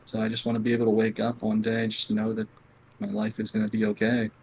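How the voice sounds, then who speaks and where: A man being interviewed as a competitive gamer, speaking bluntly and earnestly with halting restarts. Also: on the low side, completely flat delivery, a little hiss or hum, rough recording. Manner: quiet, near whispering at times. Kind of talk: candid conversational interview.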